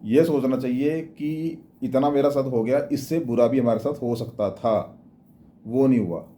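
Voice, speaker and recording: A man's voice: medium pitch, a little slow, warm tone. A man giving plain, repetitive spiritual and astrology advice in a casual spoken manner, often restarting his words. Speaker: astrology and devotional speaker.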